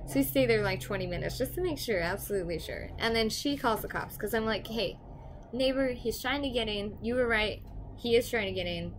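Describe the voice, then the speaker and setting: Animated young woman telling a story. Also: fairly high pitch, a little hiss or hum. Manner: animated, swings loud and quiet, swears casually. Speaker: property manager telling a story. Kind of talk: casual storytime vlog.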